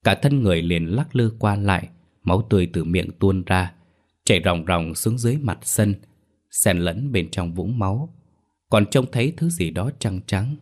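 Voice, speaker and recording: A man reading a horror story aloud as a storyteller, in a measured, slow manner. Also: low voice, animated. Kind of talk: scripted horror story narration.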